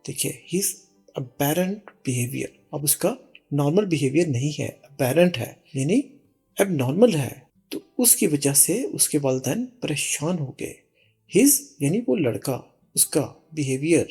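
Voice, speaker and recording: Gravelly, husky-voiced vocabulary teacher. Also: mid-range voice, expressive, a little mellow, soft background music. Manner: reads English sentences slowly, then translates and repeats. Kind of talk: bilingual vocabulary lesson.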